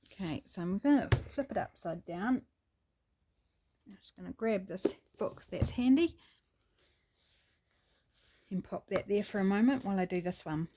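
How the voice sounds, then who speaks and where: With long pauses and a measured pace, a New Zealand-accented craft host talks through her project in a mid-range, scratchy, gravelly voice. She comes across as relaxed and chatty, thinking things over out loud.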